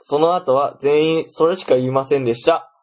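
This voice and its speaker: A man's voice: a little high, normal speed, a little mellow. A young man with a Kansai accent, co-hosting a casual chat and reading listener mail aloud with frequent laughter. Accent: Kansai Japanese. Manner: reads listener messages aloud, laughs often, teasing.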